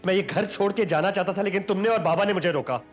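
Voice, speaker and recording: A man's voice: sits high, fast talker, faint music behind, close to an everyday voice. A man playing a protective young husband. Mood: tense, worried. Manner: earnest, swings between urgent worry and teasing. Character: young husband, protective, quick-tempered but tender. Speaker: lead actor in a TV drama. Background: drama background score.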